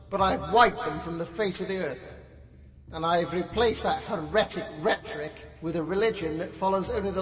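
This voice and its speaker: A man's voice: sits high, fairly bright tone, roomy sound, long reverb tail, far from the mic, poor audio. A man voicing a pompous, bombastic tyrant leader who proclaims himself God, in a comedy audio sketch.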